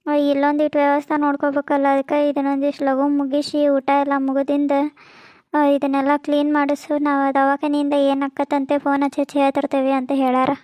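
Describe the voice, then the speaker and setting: A woman voicing a brisk village housewife, North Karnataka accent. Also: high-pitched, completely flat delivery, a little mellow, dry recording, lightly acted. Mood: matter-of-fact. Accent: North Karnataka Kannada. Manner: brisk, explaining, motherly. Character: busy, practical village housewife. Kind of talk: cartoon comedy voice acting.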